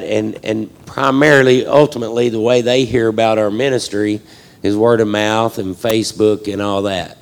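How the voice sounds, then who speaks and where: A man's voice: medium pitch, vocal fry. A man, a ministry leader speaking to a church crowd in a rambling, folksy, long-winded way. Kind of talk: casual speech to a church crowd.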